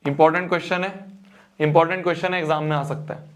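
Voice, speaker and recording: A man's voice: fairly high pitch, steady tone, fast. A young man teaching a math exam-prep lesson, repeating phrases and checking that students follow.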